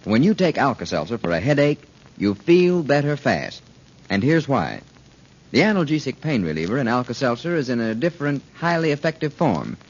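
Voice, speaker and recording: A man with a mid-range, sing-song voice reads a folksy sponsor message at a moderate pace, trying to win listeners over. The audio is muffled like an old 1940s AM radio recording.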